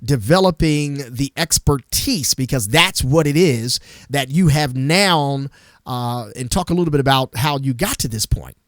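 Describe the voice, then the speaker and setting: A man's voice: mid-range voice, animated, measured pace, no room sound, studio quality. A man hosting a gospel radio show, talking with enthusiastic, emphatic, repetitive energy.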